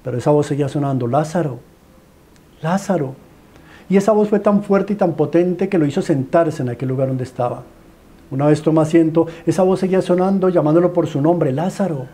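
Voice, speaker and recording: Man, Colombian accent, preacher, dramatic sermon storytelling, rhetorical questions, soft warm tone. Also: on the high side, fast. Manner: dramatic, pleading, stacks rhetorical questions and repeated phrases.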